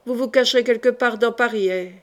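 A woman's voice: on the high side, brisk, natural voice. A woman voicing a brave, fiery young male knight in a French audiobook, with growled, fierce declarations.

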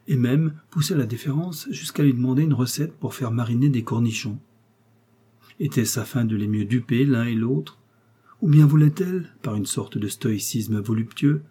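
A man reading a classic novel aloud in measured, expressive narration. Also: medium pitch, breathy edge. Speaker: audiobook reader. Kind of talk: scripted literary narration.

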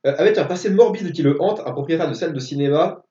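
A methodical man working through dates and credits on a casual film podcast. His voice is mellow and a little high. He sits away from a dull mic. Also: quick pace. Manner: methodical, reads facts and dates. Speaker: podcast co-host. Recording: echoey room, distant dull mic.

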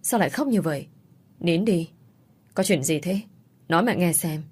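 A woman's voice: on the low side, lively intonation, normal speed, a little mellow, breathy edge. A soothing, worried mother, read by a woman. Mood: gentle worried. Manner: soothing, coaxing. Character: worried, tender middle-aged mother on the phone.

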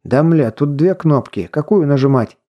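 A man's voice: on the high side, lively intonation, moderate pace, muffled recording, voice pushed up. A man reading an audiobook, voicing a brash, joking young man with slangy, mocking banter. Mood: cocky. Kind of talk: audiobook dialogue.

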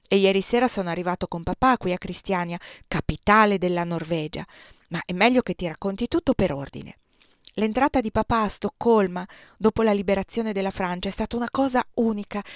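A woman's voice: a little high, no room sound, studio quality, natural voice. A woman reading aloud in the voice of an earnest young prince writing a letter to his mother.

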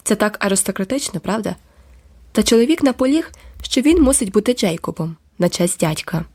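A woman's voice: mid-range voice, expressive, a little fast, a little mellow, slightly rough. A woman voicing a pompous, overdressed middle-aged lady who is indignant and fussy, in an audiobook. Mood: haughty. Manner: haughty, fussy, insistent. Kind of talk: audiobook character voice.

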